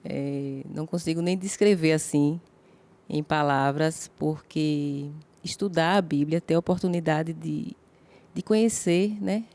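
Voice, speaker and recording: A woman's voice: sits low, unhurried, dark tone. A Brazilian woman from Bahia speaking as a guest, hesitant and humbly grateful as she searches for words.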